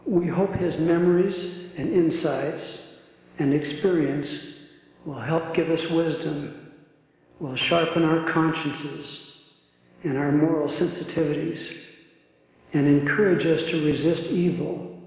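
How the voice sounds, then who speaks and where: Middle-aged man, formal host introduction, slow measured delivery, echoey auditorium, tinny lo-fi sound. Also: fairly high pitch. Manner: measured, self-deprecating asides. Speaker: event host introducing speaker. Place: large auditorium stage. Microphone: podium mic, far camera. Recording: echoey hall, lo-fi camcorder sound.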